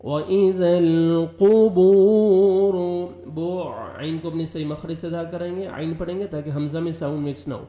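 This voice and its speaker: A man teaching Quran recitation, explaining the rules quickly and then reciting each verse slowly and drawn out. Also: fairly high pitch, little pitch movement, warm tone, roomy sound, faint music behind. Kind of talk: tajweed recitation lesson.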